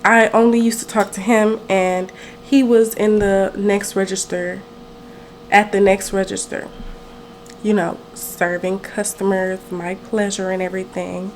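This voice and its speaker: A nineteen-year-old woman hosts her own podcast, telling a personal story in a loose, rambling way and often correcting herself mid-sentence. She talks at an unhurried, drawn-out pace at a middling pitch. A faint ambient hum sits underneath the recording. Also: flat delivery, low-quality recording. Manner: chatty, rambling, self-correcting. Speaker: podcast host. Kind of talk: casual storytelling.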